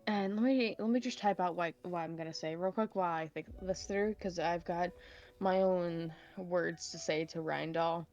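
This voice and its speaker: A woman's voice: lowish voice, fairly even intonation, normal speed, darkish tone, dull audio, faint music behind. A woman playing in a live tabletop game, thinking aloud with fillers and frequent giggles. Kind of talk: casual live game chat.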